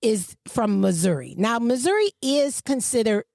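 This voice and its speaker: A woman from Michigan with a slight Southern accent, hosting a podcast and telling stories in a playful, animated way straight to her listeners. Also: a little high, moderate pace, creaky, no echo, clean studio sound. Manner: animated, playful storyteller who addresses listeners directly. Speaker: podcast host. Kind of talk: casual chat, storytelling. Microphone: studio microphone.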